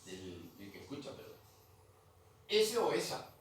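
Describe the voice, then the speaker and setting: With huge swings in pitch around a mid-range voice and an unhurried delivery, a language teacher leads a grammar lesson in a museum room. He patiently repeats terms and checks his students are following, captured by a far-off mic in an echoey space with faint noise.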